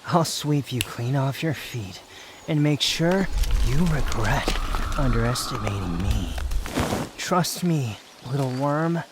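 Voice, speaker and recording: A man playing a prideful, sharp-tongued puppet wanderer with a secret fondness, speaking to the listener in a roleplay audio drama, haughty and unhurried. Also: medium pitch, lively intonation, background noise. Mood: mocking, indignant.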